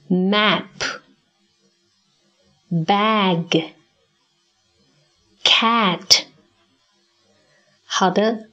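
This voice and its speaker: Speaking slowly and with care, a woman demonstrates English sounds for the listener to echo back as part of a scripted phonics lesson. Her mid-range voice has a slightly rough edge.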